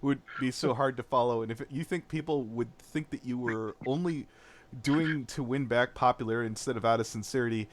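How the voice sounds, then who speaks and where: A man's voice: medium pitch, a little fast. A man hosting a casual podcast chat, reading messages aloud with frequent laughs and mocking asides. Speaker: podcast host.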